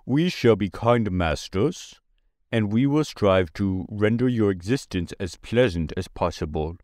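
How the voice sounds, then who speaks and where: A man's voice: fairly low pitch, animated, measured pace, a little mellow, no echo, studio quality. A man voicing a kindly, proud scarecrow who speaks in an encouraging way.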